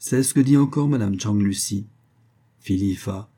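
A man reading the part of a composed, teasing woman of forty who speaks in calm, sententious phrases. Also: on the low side, moderate pace, slightly rough. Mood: calm assurance.

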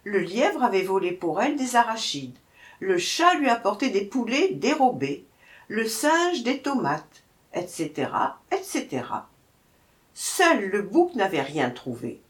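A woman reading a folk tale aloud as storyteller. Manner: slow, expressive reading with wide pitch swings. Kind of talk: storybook narration.

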